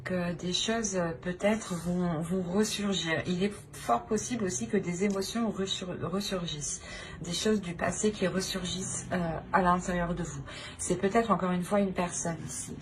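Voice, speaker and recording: Over a noisy background, the host gives an unplanned tarot reading in a lowish, steady voice at moderate pace. Her manner is tentative and searching, marked by repeated and rephrased phrases.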